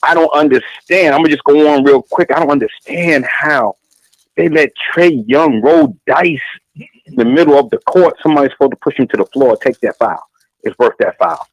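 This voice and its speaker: A man calling in to a sports talk show, ranting in a boastful, animated way. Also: fairly high pitch, moderate pace, vocal fry, no echo, poor audio. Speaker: caller. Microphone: phone line.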